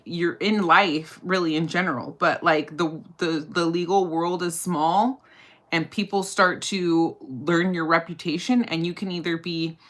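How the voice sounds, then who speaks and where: Doing her makeup on a livestream, this criminal defense lawyer chats loosely through viewer questions about criminal law, full of asides and filler words. She has a lowish voice with a bright, forceful tone.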